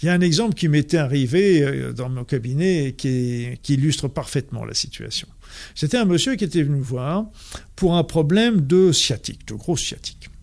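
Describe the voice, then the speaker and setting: A man with a Norman French accent, a health practitioner explaining his views to an audience, halting often with fillers and repeated words. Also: a little high, animated, gravelly, a little mellow.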